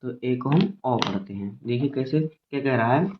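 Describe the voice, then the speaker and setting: A man's voice: medium pitch, moderate pace, noisy background. Guy teaching phonics, spells words out letter by letter, repeats himself a lot, sounds like its through a phone line. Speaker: English teacher. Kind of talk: classroom phonics lesson. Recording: tinny phone-like audio.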